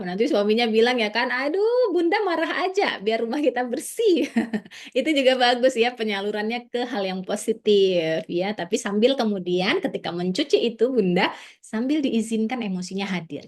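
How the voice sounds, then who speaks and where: A woman psychologist giving a casual, reassuring seminar talk to parents, often dropping in little filler words as she explains. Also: medium pitch. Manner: chatty, peppers speech with "nah" and "ya"; warm, reassuring teaching tone.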